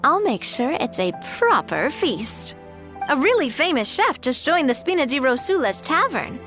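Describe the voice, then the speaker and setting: A woman's voice: high voice, very animated, normal speed, music in the background. A woman playing a polite, principled young woman leader in a video game, composed yet firm. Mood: reassuring, friendly. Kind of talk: animated game voice acting.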